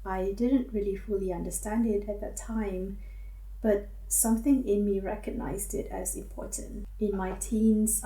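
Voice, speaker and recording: A woman, a counselor speaking in a gentle, measured, introspective personal monologue. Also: medium pitch. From Singapore. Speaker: counselor and academic advisor. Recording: roomy echo, mic at a distance.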